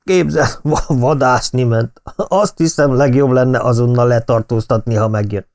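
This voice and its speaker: A man's voice: mid-range voice, darkish tone, close to an everyday voice. A man voicing a jovial older lord who teases and brushes off warnings. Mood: teasing. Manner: teasing, good-humored.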